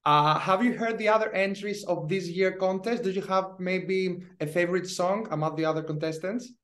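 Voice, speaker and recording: High-voiced young male interviewer. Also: normal speed, fairly bright tone. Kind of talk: casual video-call interview. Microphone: webcam on video call.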